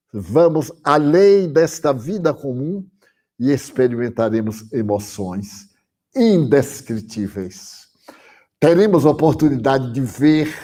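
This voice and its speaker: Older brazilian guy giving a spiritist talk, funny stories, dark mellow voice. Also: medium pitch. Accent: Brazilian Portuguese. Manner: humorous storyteller acting out quoted dialogue. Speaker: spiritist lecturer. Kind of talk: religious lecture with anecdotes.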